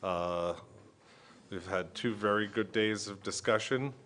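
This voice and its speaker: A man with a fairly low voice chairs a meeting. He speaks slowly and informally, pausing and hesitating as he feels his way through his remarks. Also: fairly bright tone, slight background noise. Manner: halting, hesitant delivery with pauses.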